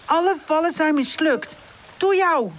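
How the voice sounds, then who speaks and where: A woman's voice: high voice, lively intonation, normal speed, a little hiss or hum, voice pushed up. A woman doing a bossy little dog girl. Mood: exasperated. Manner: bossy, exasperated. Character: sensible young female dog, leader of friends.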